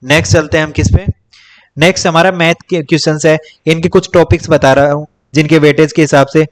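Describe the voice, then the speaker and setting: A man's voice: fairly high pitch, fairly even intonation, brisk. A young man teaching exam topics in a casual lecture, repeating points and calling viewers "bhai" as he lists and counts. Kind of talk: casual Hindi-English exam coaching lecture.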